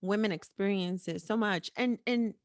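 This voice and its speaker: On a dry, studio-quality recording, a female podcast host speaks at a moderate pace in a mid-range voice. She keeps things frank, informal and unscripted, often repeating phrases to drive a point home.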